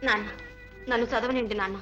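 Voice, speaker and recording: An actress playing a determined young daughter who speaks quietly but firmly to her parents. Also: fairly high pitch, steady tone, fast talker, lo-fi sound, natural voice. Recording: film soundtrack with clear background music.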